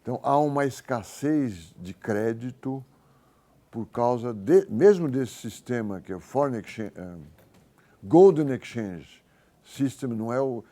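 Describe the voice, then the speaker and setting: Animated and warm at a medium pitch, a man with a Brazilian accent teaches a university economics class. He works through examples informally and haltingly, thinking aloud and correcting himself along the way.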